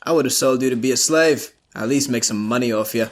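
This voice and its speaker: A man's voice: medium pitch, fast, natural voice. A man doing a crude, believing soldier. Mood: earnest crude. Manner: earnest, crude. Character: male soldier, devout believer, crude and harsh.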